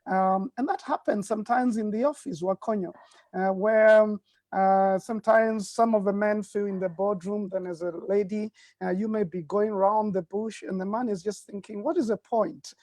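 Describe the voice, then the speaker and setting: A man's voice: high voice, fairly even intonation, normal speed, darkish tone, dry recording. A middle-aged man hosting a talk show, hesitating with many uhs and ums and chuckling between remarks. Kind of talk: casual studio chat.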